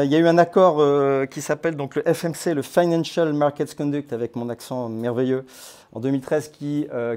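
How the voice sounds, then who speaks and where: A man giving an informal presentation to a meetup group, talking in a conversational, halting way with many hesitations and restarts. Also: on the high side, dark tone. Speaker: crypto platform founder giving a talk. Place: based in Nouméa.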